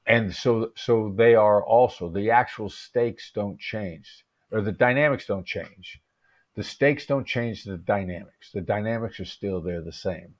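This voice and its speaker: Low-voiced man explaining negotiation. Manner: measured, explaining with restarts. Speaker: interview guest, negotiation expert. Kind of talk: explanatory interview answers.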